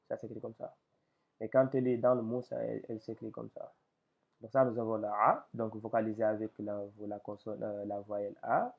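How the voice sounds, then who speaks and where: A man teaching Arabic letters in a lesson, speaking slowly and hesitantly with many fillers and a gravelly voice. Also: medium pitch. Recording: tinny lo-fi phone-like audio.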